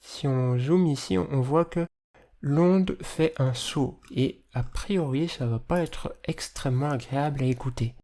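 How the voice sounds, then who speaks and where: A person with a slight lisp and hissy, slushy s sounds, explaining audio editing as a tutor in a measured, careful way. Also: medium pitch, mellow. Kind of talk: instructional screencast narration, explanatory.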